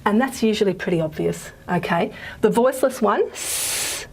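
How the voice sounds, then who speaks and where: A woman lecturing on phonetics in a casual, recorded class. She fills her talk with ums and frequent "okay?" checks, sounds out example consonants, and pauses while she writes and erases on the board. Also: medium pitch, lively intonation, husky.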